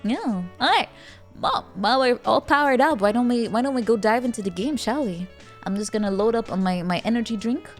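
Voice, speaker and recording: A woman's voice: fairly high pitch, a little fast. A woman livestreamer chatting casually while gaming, in a playful, cute anime-streamer manner. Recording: music playing behind the voice. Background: music.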